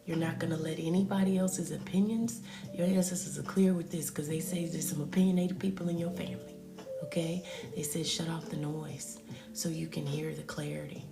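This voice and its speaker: Low, gravelly woman, live spiritual reader, soft half-whispered reassurance, echoey room with music under. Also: fairly even intonation, brisk. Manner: soothing, affirming, calls listeners pet names, often half-whispered. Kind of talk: live spiritual reading, addressing viewers.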